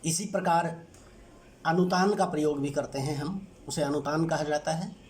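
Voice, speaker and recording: A man teaching a lesson on language sounds, speaking in measured, deliberate short phrases with pauses. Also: on the high side, a little mellow, slight background noise. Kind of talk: explanatory lecture.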